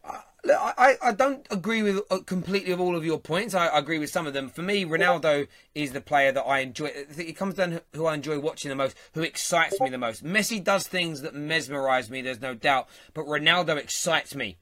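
A man's voice: on the high side, a little fast, hardly any pauses, fairly bright tone. A man hosting a football phone-in, chatting casually and teasing callers. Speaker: radio phone-in host.

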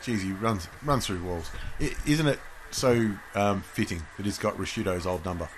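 A man's voice: sits low, moderate pace, a little hiss or hum, poor audio. A man with an Australian accent in casual football commentary chat on a podcast. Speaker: sports podcast host.

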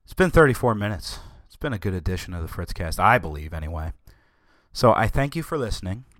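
A man's voice: deep voice, sing-song, fast talker, a bit bright, no room sound, studio quality. A man hosting his own podcast, ranting sarcastically and sounding exasperated and very tired. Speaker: podcast host. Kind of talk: solo podcast rant.

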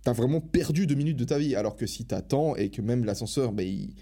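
A man's voice: medium pitch, warm tone, husky. A young man hosting a podcast alone, talking casually with slang and lots of enthusiasm. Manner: fast, enthusiastic, slangy and self-interrupting. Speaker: podcast host. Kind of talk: casual solo podcast talk.

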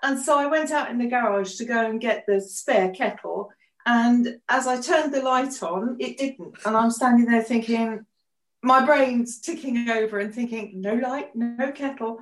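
A woman's voice: on the high side, a little slow. Chatty English woman in an echoey room. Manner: chatty storyteller, laughs often. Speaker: co-host and artist. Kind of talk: casual podcast chat.

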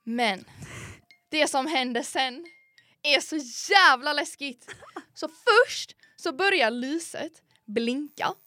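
A young woman co-hosting a podcast, telling a story in a casual, animated and dramatic way with lots of fillers. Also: high-pitched, no echo. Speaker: podcast co-host.

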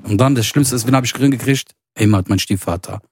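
Animated young man telling a spooky story. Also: mid-range voice, fairly quick, slightly rough. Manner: animated, swears oaths, acts out quoted voices. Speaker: podcast host. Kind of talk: casual storytelling chat.

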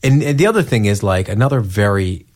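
A man co-hosting a podcast, chatting casually with a sarcastic, jokey edge. His pitch swings widely as he riffs, and he swears without a second thought. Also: expressive, quick pace, a little mellow. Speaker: podcast co-host. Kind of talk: casual chat.

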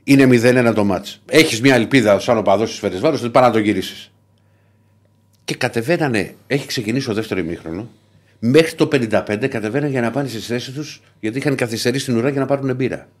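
A man co-hosting a sports podcast, excitable and jumping from topic to topic, his voice leaping up when worked up. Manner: excitable, jumps between topics, pitch leaps up. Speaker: podcast co-host. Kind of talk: lively sports chat.

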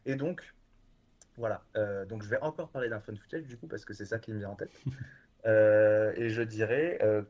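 A man's voice: on the low side, moderate pace, lo-fi sound. A man chatting casually and enthusiastically, with many fillers and restarts. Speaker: guest from a horror streaming platform. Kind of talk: casual podcast chat.

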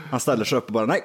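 A man hosting a podcast, trading crude jokes and laughing often. His voice sits at an ordinary middle pitch, and he talks in loose, casual banter. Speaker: podcast host.

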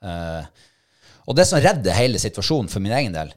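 A middle-aged man, telling a hunting-trial story in a casual chat and acting out his own thoughts and shouts. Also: lowish voice, sing-song. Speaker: podcast co-host, hunting dog handler.

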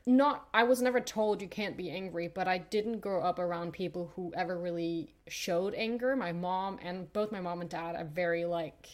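Her pitch runs on the low side as the young Danish podcast guest tells her personal story. She sounds reflective and unsure, pausing frequently and leaning on fillers.

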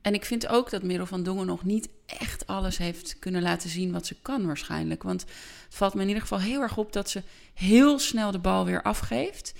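A woman's voice: medium pitch, moderate pace, creaky, few pauses, darkish tone. A woman co-hosting a casual podcast discussion, asking questions and steering the talk. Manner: asks questions, steers the conversation.

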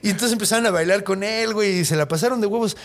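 A man's voice: sits high, very fast, gravelly. A man with a Mexican accent retelling folk tales in casual, slang-heavy podcast chat. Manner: slangy, animated, peppered with "güey".

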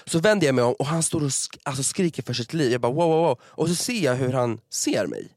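A man in casual conversation, telling an animated story, swearing often and slipping in English phrases. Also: medium pitch, no echo, clean studio sound. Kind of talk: casual chat.

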